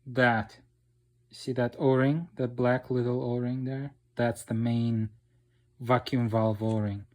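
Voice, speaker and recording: A man narrates an informal, hands-on motorcycle repair tutorial as a DIY instructor, explaining as he works and checking in with "okay" and "right." His medium-pitched voice is slow and flat.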